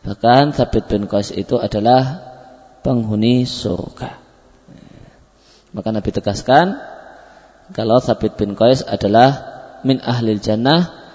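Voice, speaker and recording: A male religious teacher lectures, pausing on fillers and correcting himself as he explains. His mid-range voice carries a long reverb from a large hall. The recording is muffled and lo-fi. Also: medium pitch, a little mellow. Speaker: Islamic teacher.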